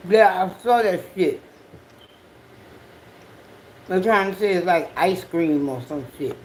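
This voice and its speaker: Southern US accent, androgynous voice, slow pace, casual sweary livestream rambling, some background noise. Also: medium pitch, expressive, low-quality recording. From Southern United States. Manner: profane, slangy, unhurried. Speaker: livestream host.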